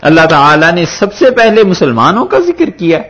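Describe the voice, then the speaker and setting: A man's voice: high voice, moderate pace, husky. A male preacher giving a sermon, quoting scripture verses and explaining them with rhetorical questions. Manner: lively, rhetorical, quotes Arabic verses then explains. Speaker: mufti preacher. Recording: dull lo-fi recording.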